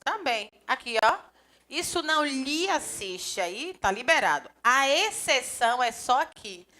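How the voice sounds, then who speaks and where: Bright, lively woman teacher. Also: high voice, unhurried. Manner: lively, chatty, acts out little dialogues, often points things out with "ó". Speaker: Portuguese grammar teacher. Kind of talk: live classroom lecture for a civil service exam course. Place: classroom with students.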